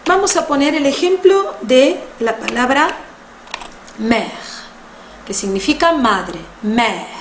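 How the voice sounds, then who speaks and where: A woman giving a language lesson, explaining French sounds patiently and slowly. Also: high-pitched, sing-song. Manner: patient, slow, spells out sounds. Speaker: French teacher. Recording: roomy echo with faint noise.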